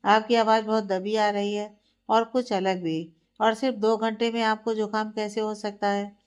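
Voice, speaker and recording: A woman's voice: medium pitch, level tone, normal speed, clear, resonant tone, lightly acted. A woman voicing an earnest, affectionate young man who questions his fiancée on a phone call in a read-aloud story. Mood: questioning.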